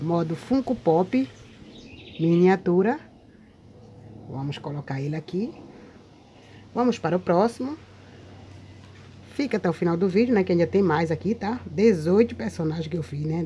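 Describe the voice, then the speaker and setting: A woman's voice: on the low side, warm tone, lo-fi sound. Chatty Brazilian woman outdoors in wind. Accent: Brazilian Portuguese. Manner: chatty, addresses viewers often with tag questions. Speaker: paper craft video maker. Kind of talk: casual show-and-tell vlog. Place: outdoors in a windy spot.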